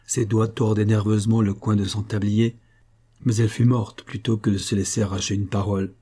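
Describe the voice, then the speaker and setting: A man reads a novel aloud in a measured, even narration. His voice is low and dark with a husky edge. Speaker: audiobook narrator. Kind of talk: scripted narration.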